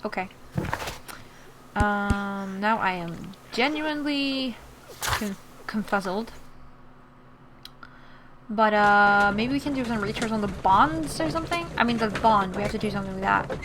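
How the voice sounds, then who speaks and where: Her voice sits at medium pitch, and she talks at a measured pace with long pauses. She hosts gaming videos with a transatlantic American-British accent, casually narrating a playthrough and reading game text aloud, though the recording is noisy.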